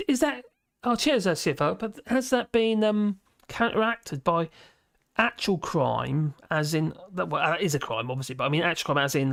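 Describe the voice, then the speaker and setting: A man in his 50s hosts a casual livestream from his home office, reading chat, rambling, and chuckling at his own self-mocking asides. His chatty voice sits high and a bit bright. The studio sound is clean with no echo.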